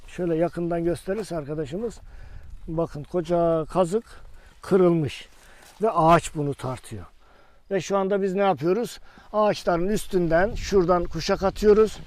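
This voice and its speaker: High-voiced mellow man presenting outdoors. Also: normal speed. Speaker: host and orchard adviser. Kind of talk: casual field presentation and interviewing. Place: outdoors in a walnut orchard. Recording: faint outdoor background noise.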